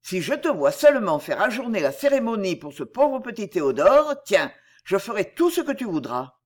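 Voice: mid-range voice, big pitch swings, moderate pace. An audiobook reader voicing a cunning, persuasive male master criminal who speaks in a coaxing, confiding way.

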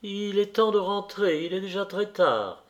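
A man reading aloud and voicing an earnest, tender young woman in a soft, pleading way. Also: high voice, expressive, a little slow, pitched above the performer's own voice. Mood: gentle.

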